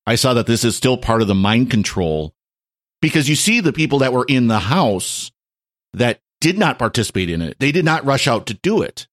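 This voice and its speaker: A man's voice: medium pitch, sing-song, normal speed, dry recording, clean studio sound. A man co-hosting a podcast, agreeing often and adding short points in casual discussion. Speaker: podcast co-host.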